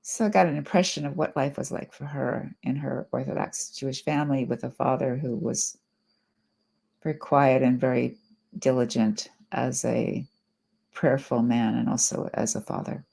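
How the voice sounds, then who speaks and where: Middle-aged woman, poet, poetry reading, low voice, vocal fry, reflective. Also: steady tone, normal speed, mellow.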